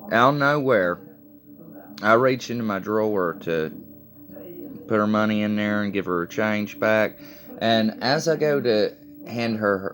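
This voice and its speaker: A man's voice: lowish voice, noisy background. A man in his late twenties telling a personal story in a rambling, profane, casual way, full of fillers, while sitting at home. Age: late 20s. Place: sitting at home with coffee and a cigarette.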